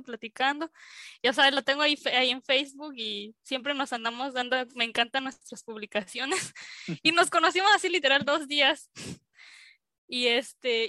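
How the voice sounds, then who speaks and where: Here a young scientist with a Mexican accent chats as an interview guest, telling a casual story full of fillers and performing the dialogue she quotes. She has a high-pitched, bright, forceful voice on a dry recording.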